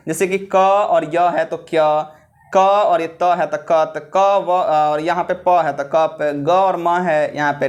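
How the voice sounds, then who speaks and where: A man teaching an old script, repeating himself and checking in with the listener often. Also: fairly high pitch. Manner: repetitive, checks in with "ठीक है" often; slows down to spell out letters. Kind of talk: classroom-style script lesson.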